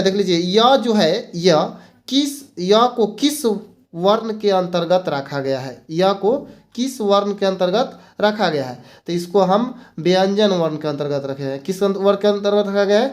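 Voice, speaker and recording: With a medium-pitched, darkish voice, a teacher gives an exam-prep grammar lesson, repeating points and mixing in English words. The teacher asks rhetorical questions and answers them.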